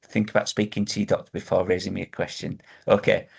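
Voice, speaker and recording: Middle-aged male, Northern English Yorkshire accent, lowish with plenty of fry; casual, straight-talking first-person explainer. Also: little pitch movement, fast talker, a little mellow. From Northern England, Yorkshire. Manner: plain-spoken, matter-of-fact. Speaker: patient sharing his experience.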